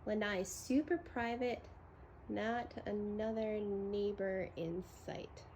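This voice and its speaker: A woman with a creaky voice giving an enthusiastic home tour as a gushing real estate agent, full of superlatives. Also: mid-range voice, takes it slowly, darkish tone, slight background noise. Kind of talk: enthusiastic property tour presentation.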